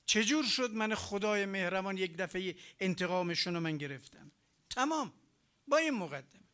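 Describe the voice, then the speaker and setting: A man's voice: sits high, sharp tone. A man preaching a sermon, with emphatic repetition and rhetorical questions.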